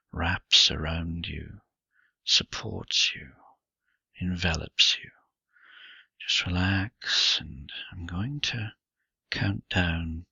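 This is a man with a gravelly, husky voice leading intimate erotic hypnosis, speaking slowly and deliberately with breathy, frequently whispered delivery. His voice is low with a sharp tone, captured close and dry with dull sound and no echo.

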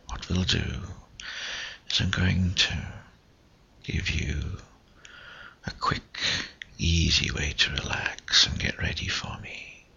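Very deep, husky man whispering in your ear. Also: pushed and bright, lo-fi sound. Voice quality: breathy, husky, gravelly low voice. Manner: intimate, close whisper right in the listener's ear; slow, coaxing, hypnotic delivery with short phrases. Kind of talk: whispered hypnosis-style erotic relaxation audio.

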